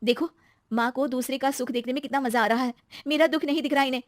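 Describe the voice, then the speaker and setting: A woman's voice: high-pitched, fast talker, dry recording, clean studio sound, pitched above the performer's own voice, natural voice. Woman doing a chatty young wife. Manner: excited, talkative. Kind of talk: cartoon story voice acting.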